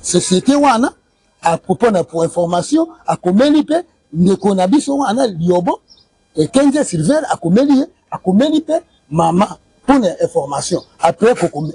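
With big pitch swings, this high, warm, husky voice holds a moderate pace in a dry, rough recording. A Congolese man in his forties gives a street interview on a lapel mic in a courtyard outside a building, insistently going over a family money dispute. He repeats dates and figures and waves documents around.

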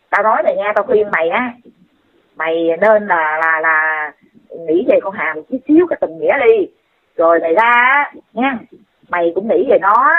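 A woman scolds and advises in a rapid, insistent stream. Her voice is somewhat husky. It comes through a thin, tinny phone line. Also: medium pitch. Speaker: commentator addressing someone directly. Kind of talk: casual lecturing call-in talk.

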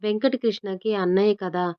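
A woman voicing a steady, protective young man who explains things plainly, on a dull lo-fi recording. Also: mid-range voice, normal speed, natural voice.

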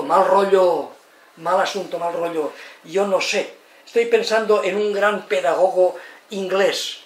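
An older man in his eighties from Spain, giving a lecture in an expressive way, often asking "eh?" and acting out the people he quotes. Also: high-pitched. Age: 80s. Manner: expressive, tag questions, acts out quotes. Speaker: lecturer on psychology and education. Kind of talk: lively lecture talk. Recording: roomy, distant mic, faint noise.

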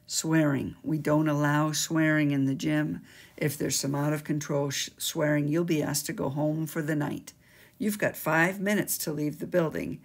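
An older woman on a school's staff records an instructional video on a desk webcam in a small office, explaining gym rules to students. Her low voice is creaky with a breathy edge, and she delivers it in an emphatic, sing-song teacherly way.

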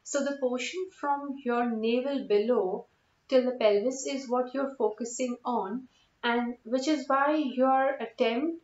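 Young woman, breathing instructor, methodical and explanatory, fairly high voice, roomy echo. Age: young adult. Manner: methodical, explanatory, repeats key cautions. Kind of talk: spoken instructional demonstration. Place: indoor room at home, seated on floor. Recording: echoey room, slightly dull sound.

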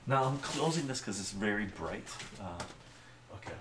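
An older man streaming live from his home kitchen, talking in a soft-spoken, relaxed way, reading viewer comments aloud and often ending with "right?". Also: fairly low pitch, normal speed, heavy background noise. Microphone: webcam framing at the counter.

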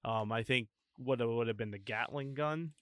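A man's voice: mid-range voice, normal speed, fairly bright tone, no room sound. Dry-sounding man in casual chat. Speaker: podcast co-host. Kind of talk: casual discussion.

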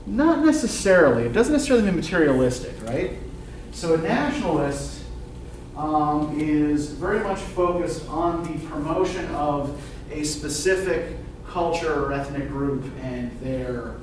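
A middle-aged male literature lecturer, fairly high-pitched with lively intonation, speaks unhurriedly and keeps asking "right?" in a questioning way. Wearing a face mask, he's captured by a distant camera microphone in a roomy, highly reverberant classroom with faint noise.

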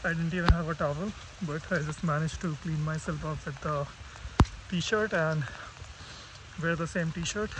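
High-voiced man narrating a rainy hike. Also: fairly even intonation, moderate pace, background noise. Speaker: hiking vlogger. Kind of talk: casual vlog narration. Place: outdoors on a rainy mountain trail. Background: rain and music.

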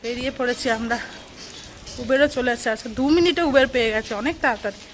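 A woman's voice: on the high side, quick pace, a little hiss or hum. A young woman with a Kolkata Bengali accent, narrating a casual family vlog and talking with her toddler in between. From India. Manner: chatty, talks to her toddler between asides to viewers. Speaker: vlogger and mother.

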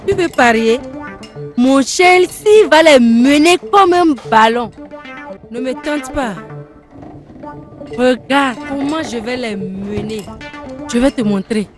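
A woman's voice: sits high, lively intonation, slow pace, pauses often, over music. An actress playing a young woman boasting she will exploit powerful men. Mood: boastful. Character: scheming young woman, bold and bitter.

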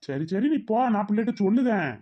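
A woman's voice: mid-range voice, lively intonation, fast, mellow, dull audio, lightly acted. A woman playing a doting village dad. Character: easygoing doting village father.

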